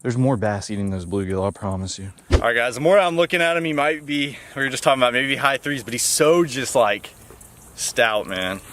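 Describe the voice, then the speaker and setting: A young man vlogging while bank fishing at a pond outdoors, talking in excited slang and bursting into shouts. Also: medium pitch, fairly quick, a little hiss or hum. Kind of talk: excited outdoor vlog commentary.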